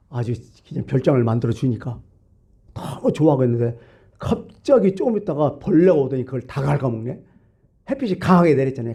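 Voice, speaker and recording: Animated pastor with a dark, husky voice. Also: male voice, medium pitch. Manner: animated storytelling with rhetorical questions to the congregation. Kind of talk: sermon. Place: church.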